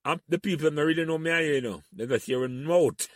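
A man's voice: on the high side, a little fast, no room sound. A Jamaican man co-hosting a podcast, chatting casually in patois and laughing often.

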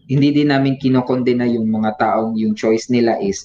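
A man with a Visayan accent hosting a casual podcast chat, chatty and quick to laugh, mixing English into his talk. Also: medium pitch, fairly even intonation, warm tone, muffled recording. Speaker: podcast host.

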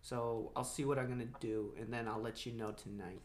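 A man's voice: medium pitch, fairly even intonation, a little fast. A man hosting a podcast in casual chat, swearing freely in frat bro slang. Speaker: podcast host. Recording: noticeable background noise.

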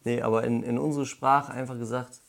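Gravelly man teaching from the Bible. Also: medium pitch, steady tone. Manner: explains slowly, with pauses and self-corrections. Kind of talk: devotional Bible talk.

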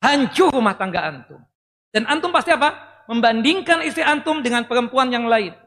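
A man preaching to his congregation in a lively voice, firing questions at the listeners and cracking small jokes. His tone is bright and forceful. The sound carries a long hall reverb. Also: extremely high pitch, moderate pace. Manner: lively, talks directly to the audience, jokes and asks questions. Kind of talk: Islamic sermon.

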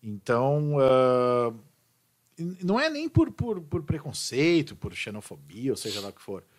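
A man's voice: mid-range voice, a little slow. A man, an English teacher chatting casually and animatedly. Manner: animated, repeats and restarts words. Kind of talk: casual podcast chat.

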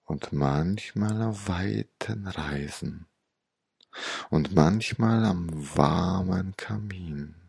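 A man tells a hypnotic meditation story like an old sage, extremely slowly and with long pauses. His low voice is gravelly and breathy, soothing and close to the mic. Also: a little mellow, no room sound.

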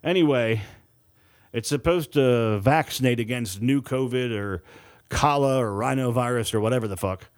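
A man's voice: medium pitch, normal speed, natural voice. A man voicing a tipsy young woman nurse. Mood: teasing.

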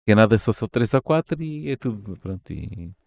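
A man's voice: on the low side, animated, normal speed, vocal fry, darkish tone, no room sound, clean studio sound. A man with a European Portuguese accent chatting casually as a podcast co-host, in a rambling, slangy way that often restarts sentences. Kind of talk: casual chat about the games industry.

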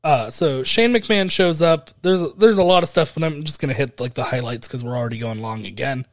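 A man's voice: mid-range voice, brisk. A man co-hosting a podcast, recapping a wrestling event in a rambling, hesitant way with frequent laughs. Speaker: podcast co-host.

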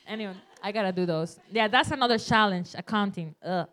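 A woman's voice: mid-range voice, brisk, a bit bright. A woman, a native Spanish speaker, talking casually as a panel guest and telling anecdotes in non-native, Spanglish-tinged English. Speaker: panel guest, skateboard photographer.

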